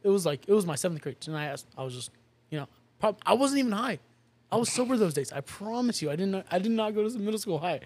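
A man's voice: high voice, expressive, fast, darkish tone, husky, no echo. A young man co-hosting a podcast, telling a story in casual, swear-filled chat and laughing often. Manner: laughing, swears freely, tells stories. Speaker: podcast co-host.

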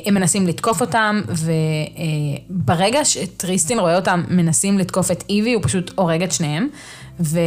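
Woman, podcast host, lowish voice, casual book recap, chatty, hesitant, home mic. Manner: chatty, animated retelling with many hesitations.

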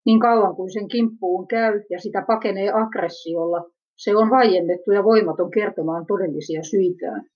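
A woman's voice: medium pitch, darkish tone, breathy edge. A woman reading a first-person personal narrative aloud in an introspective, self-questioning manner, on a dull lo-fi recording.

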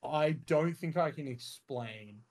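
Excitable man rambling on a podcast. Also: fairly high pitch, slow. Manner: enthusiastic, rambling, says "freaking" and "mate" a lot. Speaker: podcast co-host. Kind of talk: casual chat.

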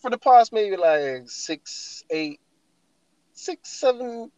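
Higher-voiced young london roadman. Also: lively intonation, slow pace, darkish tone, no echo, poor audio. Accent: London, urban roadman slang style. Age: young adult. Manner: slangy, emphatic, repeats phrases. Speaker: guest talking through favourite games. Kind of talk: casual chat.

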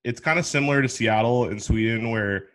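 A man's voice: medium pitch, brisk, fairly bright tone. A young man hosting a podcast in casual chat, a slangy storyteller with many restarts. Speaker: podcast host.

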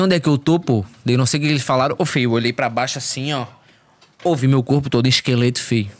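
A young man, a podcast guest telling a wild story in slangy, animated casual chat, laughing as he goes. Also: medium pitch.

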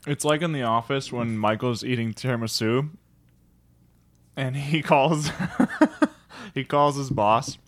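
A man's voice: mid-range voice, slow, pauses often. A man co-hosting a podcast in casual chat, telling stories animatedly and poking fun at himself. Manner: animated storyteller, self-mocking, laughs mid-sentence. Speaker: podcast co-host.

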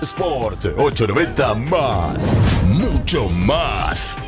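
A man delivering a produced radio station ident in a drawn-out, punchy announcer style. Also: mid-range voice, very animated, over loud music.

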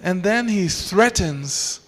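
A man preaching in short phrases and pausing for an interpreter, often asking rhetorical questions. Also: sits high, lively intonation, a bit bright, a little hiss or hum. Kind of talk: sermon with consecutive interpretation. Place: church. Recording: long church reverb.

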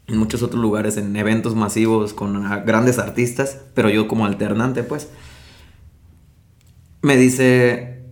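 A young Mexican man with a mid-range voice, recounting his music career in a relaxed, slang-heavy interview. He talks in an animated way and often acts out other people's lines. He speaks at an everyday pitch. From Mexico, Michoacán. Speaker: guest musician. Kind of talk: casual storytelling interview.

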